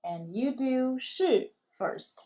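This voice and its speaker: A woman who teaches Chinese leads a scripted beginner lesson in English, her voice slightly high, expressive, and dark-toned, and her pace very slow. She speaks clearly and keeps encouraging learners, though the recording is somewhat dull and lo-fi.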